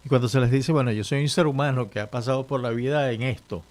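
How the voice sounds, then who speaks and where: A man co-hosting an interview, posing a question with halting restarts. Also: medium pitch, darkish tone.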